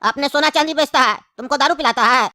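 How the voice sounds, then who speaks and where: A woman's voice: high-pitched, quick pace, pushed and bright, dry recording, clean studio sound. A woman voicing a bossy male judge in a comedy skit who scolds and mocks the accused. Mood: scolding. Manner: scolding, mocking, threatening.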